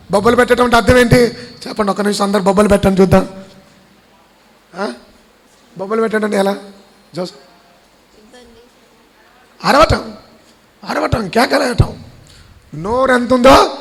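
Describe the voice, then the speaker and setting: A man's voice: high-pitched, big-room sound. A man preaching a Sunday sermon in church, firing rhetorical questions at the congregation and repeating his phrases. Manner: quizzes the congregation. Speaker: pastor.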